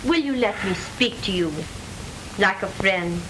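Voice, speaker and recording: An actress playing a sensible, gently discouraging secretary with measured delivery in stagey 1920s comedy film style. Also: female voice, mid-range voice, lively intonation, natural voice. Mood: gentle, sensible. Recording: noisy, hissy 1920s film soundtrack.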